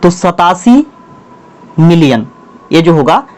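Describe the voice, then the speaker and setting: A man with a Bihari Hindi accent teaches a school math lesson and dictates each number slowly, one word at a time. His voice sits a little high for a man. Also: sing-song, darkish tone. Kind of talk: board-work math lesson.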